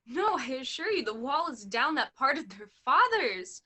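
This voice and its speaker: Brief: a woman plays an eager clumsy player, bright and high-pitched. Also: sing-song, moderate pace, heavily acted. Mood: earnest. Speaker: student actor.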